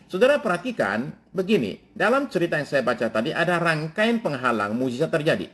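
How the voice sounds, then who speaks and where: A man's voice: fairly high pitch, big pitch swings, a little fast, a bit bright. A male pastor preaching a sermon, moving from formal scripture reading to casual slang asides.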